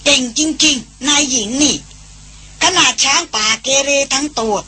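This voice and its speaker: A woman's voice: sits high, unhurried, bright, forceful tone, voice pushed up. A woman voicing an old male hunter who mutters and grumbles in a storybook reading. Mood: grudging.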